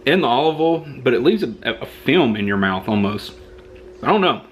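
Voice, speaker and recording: A Southern American man gives a rambling, joking food review at home. His voice sits at an everyday pitch. A faint hiss runs under it. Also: sing-song, moderate pace.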